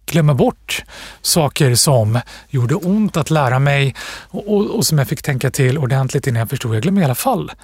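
A man being interviewed as an author, talking reflectively with pauses and restarts. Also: medium pitch, lively intonation, breathy edge, no room sound. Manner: thoughtful, pausing, with restarts and fillers. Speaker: author, guest.

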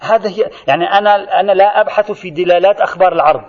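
A man lectures on Islamic law at a quick clip, his voice sitting a little high. He presses each point with emphasis and speaks straight to his students. The recording sounds dull and lo-fi. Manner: rapid, emphatic, addresses students directly. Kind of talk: seminary lecture.

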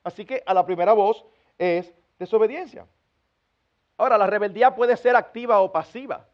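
A man's voice: sits high, normal speed, highs cut off. A man, a pastor, preaching an earnest sermon to his congregation and acting out everyday family scenes with humor. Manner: earnest, acts out parents scolding children with humor.

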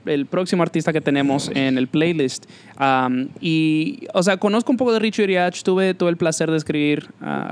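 A man's voice: fairly high pitch, clear, resonant tone. A man hosting a casual interview, talking hesitantly and dropping English fillers into his speech. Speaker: host.

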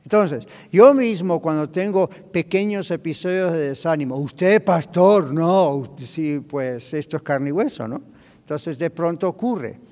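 Animated preaching man in a reverberant church. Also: a little high. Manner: animated preaching that mixes in English phrases and acts out quick inner dialogues. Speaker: pastor. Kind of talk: sermon. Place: church sanctuary. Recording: long hall reverb in a church.

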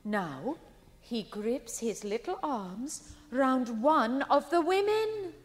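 A dark, breathy fortune-teller. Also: female voice, sits high, big pitch swings, takes it slowly, in a large hall, heavily acted. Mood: excited. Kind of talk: radio play acting.

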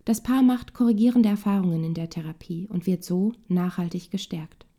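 A woman couples therapist calmly reading a nonfiction book aloud in a measured way. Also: fairly low pitch.

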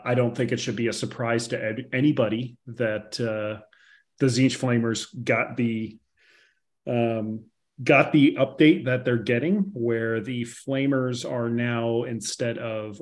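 A man co-hosting a podcast, talking through game rule changes in a loose, rambling way with many fillers and restarts. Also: medium pitch. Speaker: podcast co-host. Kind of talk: casual gaming chat.

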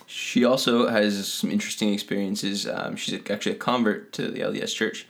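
Gravelly male podcast co-host. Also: on the low side, fairly even intonation, brisk. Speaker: guest co-host. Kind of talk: casual podcast chat.

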